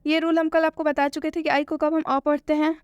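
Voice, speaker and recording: High-voiced woman teaching. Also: level tone, dry recording, highs cut off. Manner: asks questions and answers them herself; repeats each point slowly. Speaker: English teacher. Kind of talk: spoken lesson with a teacher's questions.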